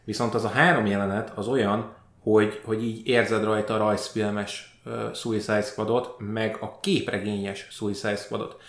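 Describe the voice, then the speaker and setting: Lower-pitched man, hesitant, roomy echo. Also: little pitch movement. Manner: hesitant, many filler sounds. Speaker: podcast co-host. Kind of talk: casual film chat.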